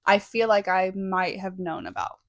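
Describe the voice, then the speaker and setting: A woman's voice: medium pitch, steady tone, normal speed. Young Midwestern woman, podcast co-host, casual chatter, laughs a lot, mid-range voice. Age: young adult. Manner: chatty, laughs often, eats popcorn while talking. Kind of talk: casual chat.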